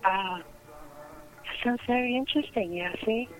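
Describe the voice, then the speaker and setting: A woman's voice: fairly high pitch, measured pace, poor audio. A woman calling in to a comedy show, talking in a flirty, brassy, sassy way. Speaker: caller. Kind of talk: comedic call-in banter.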